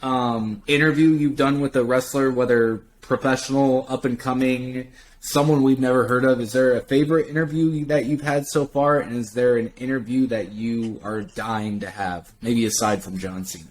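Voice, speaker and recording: A man co-hosting a podcast in an easygoing, chatty way, his voice sitting at a mid pitch. He puts loose questions to the guest. A faint hiss runs under the recording. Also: steady tone, moderate pace, poor audio. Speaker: podcast co-host. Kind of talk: casual chat.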